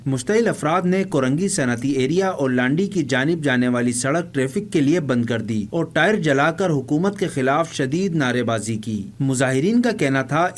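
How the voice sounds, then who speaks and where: A man reporting in a formal, measured news voice-over. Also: a little high. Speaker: field reporter.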